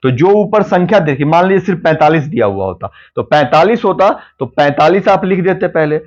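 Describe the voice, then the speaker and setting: A man teaching a math lesson for exam preparation, explaining step by step and often checking that the class is following. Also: a little high. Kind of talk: exam-prep math lecture. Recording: dull lo-fi recording.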